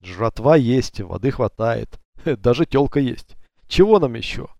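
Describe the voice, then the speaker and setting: A spiteful, scornful bandit, as read by a man snaps and sneers at his crew. The voice is mellow and dark in tone, with a dry, close sound. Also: medium pitch, lively intonation, unhurried, vocal fry, no room sound, dull audio. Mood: musing. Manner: scornful, curses.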